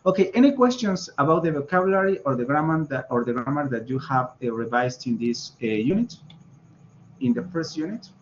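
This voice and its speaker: A male teacher with a Mexican accent explains patiently over a video call, repeating himself and filling pauses. His voice is fairly high and moves up and down a lot. The audio sounds a little muffled, with faint noise behind him. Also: animated. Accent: Mexican Spanish. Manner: patient, explains slowly with many fillers and repetitions. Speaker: English teacher. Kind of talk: online class explanation.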